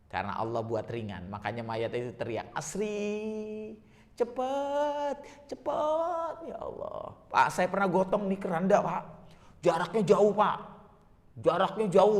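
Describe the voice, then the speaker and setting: A man with a rather high voice delivers a religious lecture, telling vivid stories and addressing his listeners as sir again and again. His voice carries a long reverb, as if recorded in a large hall. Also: moderate pace. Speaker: religious teacher.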